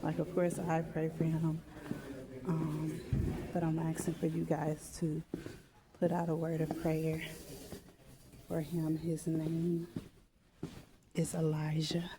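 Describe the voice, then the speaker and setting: A woman talking candidly and haltingly to her viewers in a casual, rambling walk-and-talk vlog, recorded outdoors while walking. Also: sits low, completely flat delivery. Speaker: vlogger. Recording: noisy outdoor street with traffic.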